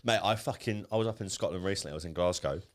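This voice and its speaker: A man's voice: low voice, rapid-fire. A man co-hosting a podcast, chiming in with crude jokes in casual banter. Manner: crude, jokey interjections. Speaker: podcast co-host.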